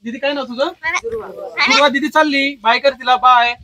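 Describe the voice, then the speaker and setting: A woman's voice: high voice, steady tone, normal speed, sharp tone, poor audio. A woman coaxing a pet crow to speak, repeating single words in a sing-song, patient way. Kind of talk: coaxing talk to a pet bird.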